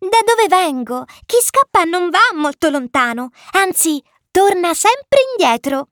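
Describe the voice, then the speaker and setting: Squeaky eager little alien prince boy, woman doing the voice, storybook, bouncy and lively. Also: a little slow, dry recording, studio quality, full character voice. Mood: eager childlike. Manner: high, excited, childlike. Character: tiny curious alien boy prince, cheerful. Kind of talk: storybook reading.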